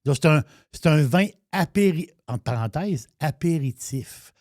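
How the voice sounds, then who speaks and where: A man's voice: fairly high pitch, lively intonation, a little slow, a little mellow, dry recording. Chatty Quebec man, dry close sound. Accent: Quebec French. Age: around 60. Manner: chatty, rambling, many restarts. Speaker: wine columnist on a radio show. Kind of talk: radio talk, explaining and storytelling.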